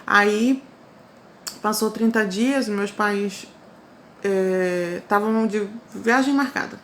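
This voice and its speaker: A woman with a Brazilian Portuguese accent telling her own life story in a casual, animated way, often repeating phrases for emphasis. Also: medium pitch, very slow, slight background noise. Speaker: testimony storyteller.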